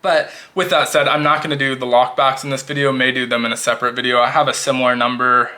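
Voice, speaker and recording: A talkative man gives a casual product review of his pocket knives. His voice is bright and a bit forceful. He keeps wandering into chatty asides as he shows each piece at a table. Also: mid-range voice, level tone, fast talker. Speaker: knife collection reviewer.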